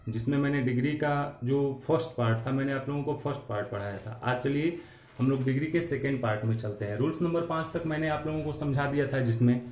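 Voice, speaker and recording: A man teaching an English grammar lesson in Hindi, explaining slowly and repeating key terms. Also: mid-range voice, darkish tone. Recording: echoey room.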